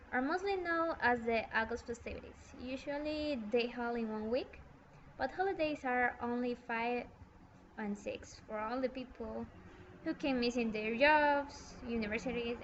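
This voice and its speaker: A woman from El Salvador, giving a prepared class presentation in careful learner's English with halting phrasing. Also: on the high side, a little hiss or hum. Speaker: student presenter. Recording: dull lo-fi recording.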